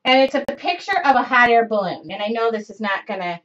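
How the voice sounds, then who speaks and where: Animated and fast, her fairly bright voice sits on the high side. She's a forty-something craft host streaming a live demo from her home studio, meandering and cutting in on herself as she works, with a webcam in front of her producing dull lo-fi audio.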